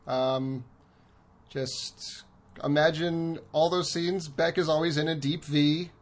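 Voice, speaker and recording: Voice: medium pitch, steady tone, slow pace. A co-host with a Colorado accent, chatting casually and agreeably about an episode. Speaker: podcast co-host. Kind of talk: casual recap chat.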